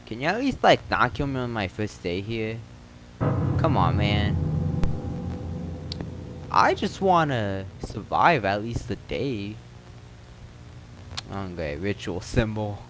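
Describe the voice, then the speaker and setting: A man's voice: lowish voice, big pitch swings, slow, pauses often. A man playing a horror game, reacting in jumpy, exclamatory bursts with laughing asides. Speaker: gamer. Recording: loud game noise behind.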